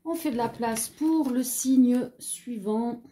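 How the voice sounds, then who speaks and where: A woman with a French accent talks slowly through a casual tarot reading, pausing on fillers and drifting into chatty asides. Her voice is mellow and soft-edged, with a slight frog in her throat. The delivery is unhurried and conversational. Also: a little high. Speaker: tarot card reader.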